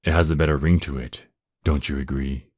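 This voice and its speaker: A man playing a dominant, seductive, menacing male vampire lord in an ASMR roleplay, with a very deep voice and a possessive, taunting, mock-tender manner. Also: steady tone, a little fast, a little mellow, no echo, studio quality. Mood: haughty, commanding. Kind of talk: ASMR roleplay, intimate scripted monologue.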